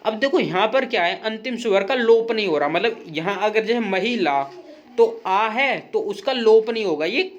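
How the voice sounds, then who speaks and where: A man's voice: high-pitched, lively intonation, moderate pace, dull audio. A man teaching grammar in a recorded lesson, patient and repetitive, often checking in with the viewer and pointing things out step by step.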